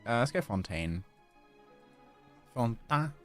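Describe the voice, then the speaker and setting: A man livestreams a video game, chatting casually and somewhat distractedly with viewers between reactions to the play. His medium-pitched voice is expressive and slow. Soft music plays in the background.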